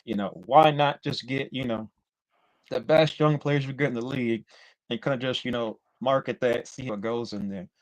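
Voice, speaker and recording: A man's voice: mid-range voice, moderate pace, no room sound. A man co-hosting a podcast in loose, slangy sports chat, his faulty mic crackling, popping and cutting in and out so his volume keeps jumping. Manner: slangy, loose, full of "you know". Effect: faulty mic cutting in and out, crackling and popping, uneven volume. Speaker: podcast co-host.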